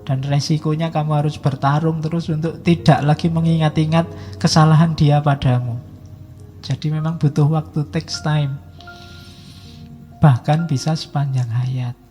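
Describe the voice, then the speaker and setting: A man's voice: a little high, fairly even intonation, warm tone. Middle-aged man lecturing in a hall. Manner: conversational, teasing, drawn-out emphasis. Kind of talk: lively public lecture. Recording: echoey hall with faint music.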